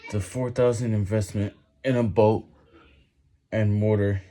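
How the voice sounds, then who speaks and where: A man reading a written text aloud haltingly and with effort while doing push-ups, with some background noise. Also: on the low side, fairly even intonation, dark tone. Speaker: reader.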